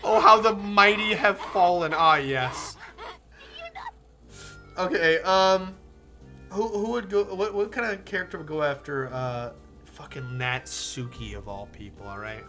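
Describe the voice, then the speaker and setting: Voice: mid-range voice, unhurried, faint music behind. A streamer giving casual, chatty game commentary, rambling and interrupting themselves, with some swearing. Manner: animated, profane, rambling and self-interrupting. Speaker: gaming streamer reading a visual novel aloud.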